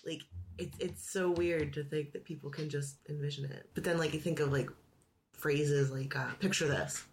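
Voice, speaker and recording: A woman's voice: low voice, steady tone, normal speed, a little mellow, a little hiss or hum. A woman in her thirties chatting casually as a podcast co-host, using lots of "like" and laughing often. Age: 30s. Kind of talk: casual chat.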